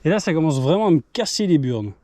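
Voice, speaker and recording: A man's voice: on the high side, very animated, fast talker, mellow, no echo, studio quality. A man chatting to camera while riding outdoors, grumbling and swearing in exasperation as he comments on his ride. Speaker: mountain biker vlogger. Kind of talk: self-filmed ride commentary, casual chat. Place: outdoors on a trail, riding a bike. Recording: noisy outdoor ride recording.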